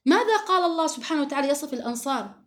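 A woman's voice: high voice, expressive, very fast. A woman giving an earnest, emphatic religious lesson to women, often quoting scripture. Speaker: religious teacher.

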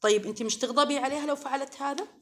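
A woman's voice: high voice, rapid-fire, a bit bright. A woman giving an earnest religious lesson to women, pleading and coaxing, rising to strong emphasis. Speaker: preacher addressing women.

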